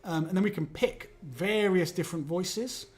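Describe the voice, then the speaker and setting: A man explains software in a casual livestream demo. He talks in a relaxed, easygoing way. His voice sits a little higher than most men's. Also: normal speed. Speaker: guest presenting software.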